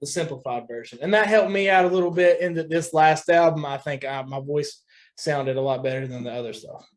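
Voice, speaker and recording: A man's voice: fairly high pitch, fairly quick. A young man from West Virginia, a guest musician talking loosely in a casual podcast chat, often saying dude.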